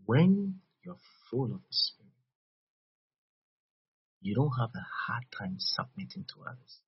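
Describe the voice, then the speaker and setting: A man's voice: mid-range voice, big pitch swings, a little slow, slightly rough, no room sound, lo-fi sound. A man with a West African accent preaching a teaching sermon, repeating phrases and checking that his listeners understand.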